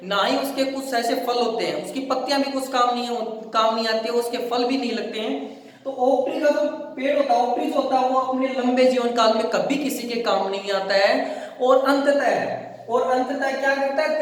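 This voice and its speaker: A male teacher lecturing a class on a poem. He repeats points, has pupils say words after him, and reads English lines slowly. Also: very high-pitched. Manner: repetitive, asks pupils to repeat after him, calls them friends. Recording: echoey hall, far from the mic.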